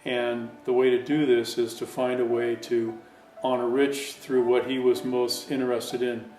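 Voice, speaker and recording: Flat-toned man in an echoey room. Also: mid-range voice, unhurried. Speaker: foundation founder. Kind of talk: documentary interview. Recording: echoey, distant mic. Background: faint music.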